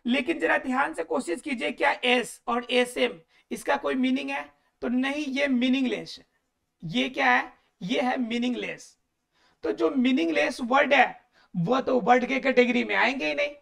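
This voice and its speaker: Woman grammar teacher, high and gravelly, self-answering questions, repeats key words. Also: fairly bright tone. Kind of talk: explanatory lesson.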